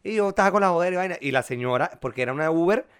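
A man's voice: a little high, very fast, clean tone. A Venezuelan man in his twenties, co-hosting a casual chat and telling stories with jokes and playful voices. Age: 20s. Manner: joking, animated storyteller with playful voices. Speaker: podcast co-host.

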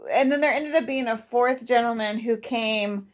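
At a moderate pace and a slightly high pitch, this woman co-hosts a podcast, sharing stories conversationally and saying "like" nonstop. Her audio sounds dull and lo-fi.

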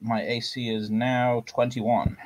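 A man's voice: medium pitch, level tone, takes it slowly, background noise. A man playing in an online tabletop game, describing his character's actions with frequent fillers. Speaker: player. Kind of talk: casual tabletop play over voice chat.

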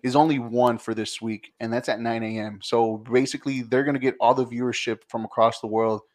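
A man's voice: mid-range voice, steady tone, a little fast. A man co-hosting a casual sports podcast, rambling and hedging as he talks. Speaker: podcast co-host.

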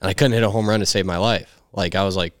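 A young man with a very low voice tells his baseball story in a loose, profane, animated way. The sound is dry and close, with no room around it. He jumps into the other people's voices as he goes. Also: quick pace, no room sound. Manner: animated, swears freely, acts out quoted voices. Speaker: guest, baseball player. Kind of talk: casual storytelling chat.

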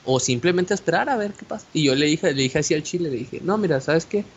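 A young man with a Mexican Spanish accent telling a personal story in casual chat, animated and slangy, with many fillers and restarts. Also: fairly high pitch, fast, breathy edge. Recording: dull lo-fi audio with faint hiss.

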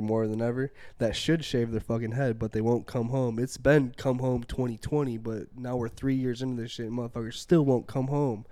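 A man's voice: mid-range voice, dark tone. A young man co-hosting a podcast, chatting loosely and swearing freely as he tells stories. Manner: loose, profane storytelling. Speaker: podcast co-host. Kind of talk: casual chat.

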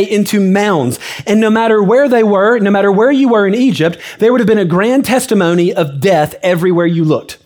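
A man preaching an expository sermon. He reads scripture aloud, then explains it earnestly, dropping to hushed phrases and rising to emphatic stretches. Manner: swings between hushed low phrases and raised emphatic stretches. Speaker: pastor.

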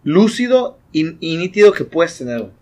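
Slangy young Mexican man, fairly high. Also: moderate pace. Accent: Mexican Spanish. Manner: slangy, animated, laughing often. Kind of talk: casual chat.

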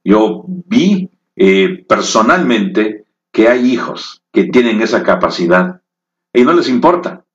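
A man preaching a sermon in slow, emotive storytelling that rises into dramatic peaks. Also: on the low side, sing-song. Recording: echoey, dull lo-fi room.

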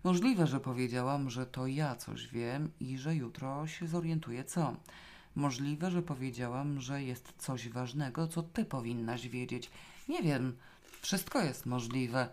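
A woman reading a storybook, voicing a calm, unruffled friend who speaks in a measured way. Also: extremely low pitch.

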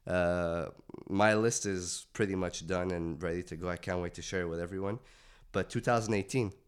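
A man co-hosting a casual music podcast, sick this week and raspy. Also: low-pitched, steady tone, normal speed. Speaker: podcast co-host. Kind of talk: casual chat.

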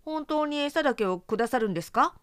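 A woman's voice: expressive, quick pace, fairly bright tone, dry recording, studio quality. Woman doing a whiny cheeky little mouse. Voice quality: high whiny voice. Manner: petulant, condescending. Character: small cheeky male mouse, whiny and ungrateful.

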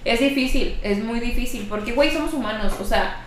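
A woman's voice: a little high, a little fast. A young Mexican woman, a podcast guest, talking earnestly in casual chat and swearing freely. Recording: echoey room with faint noise.

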